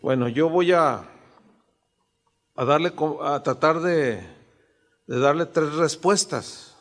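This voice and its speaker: Man, 60s, pastor, animated sermon, high voice, long hall reverb. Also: slow pace. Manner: animated, acts out quoted voices.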